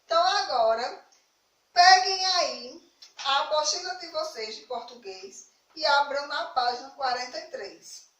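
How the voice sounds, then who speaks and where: A woman's voice: high voice, fairly bright tone. A young woman from Brazil teaching a recorded lesson to children, patient, asking questions and answering them herself. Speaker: primary school teacher. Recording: echoey room, voice a little far from the mic.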